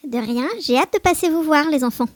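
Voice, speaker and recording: A woman's voice: high-pitched, a little fast, no room sound, lightly acted. A woman voicing a self-important, scatterbrained little female Christmas elf, chattering in a childlike, hesitant way for a children's podcast. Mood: cheerful.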